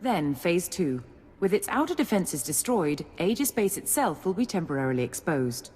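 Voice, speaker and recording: Businesslike military commander lady from a game, lowish voice, big reverb. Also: very animated, normal speed, darkish tone. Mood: businesslike, resolute. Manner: crisp, authoritative briefing. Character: stern, businesslike female Imperial military officer. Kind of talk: video game voice acting. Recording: long hall reverb.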